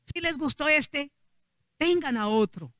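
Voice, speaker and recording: Un hombre que hace de una joven reina asustada y suplicante, hablando con emoción dentro de una predicación. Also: male voice, very high-pitched, lively intonation, unhurried, sharp tone, no room sound, studio quality, voice pushed up, exaggerated voice. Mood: pleading. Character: frightened young queen, pleading.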